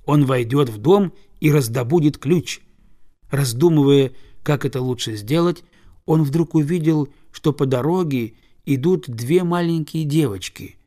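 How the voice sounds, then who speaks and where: A man reading a storybook aloud with calm, measured narration. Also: a little high. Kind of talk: audiobook narration.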